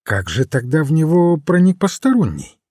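An irritable, strictly logical doctor, performed by a man with a dark, husky voice. He presses his questions insistently, always on the edge of exasperation. Storybook reading. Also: fairly high pitch, very animated, normal speed, dry recording, clean studio sound, pitched above the performer's own voice. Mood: exasperated. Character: irritable, logical male doctor, impatient scholar.

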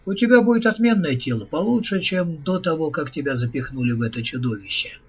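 A man voicing a cheerful, chatty male robot in an audiobook reading, with a husky voice. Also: a little high, animated, brisk.

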